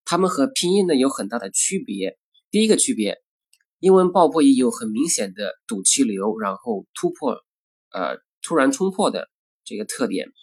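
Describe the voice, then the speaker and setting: A man teaching pronunciation in a recorded lesson, speaking deliberately and repeating example words slowly and carefully. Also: mid-range voice, big pitch swings, darkish tone, husky.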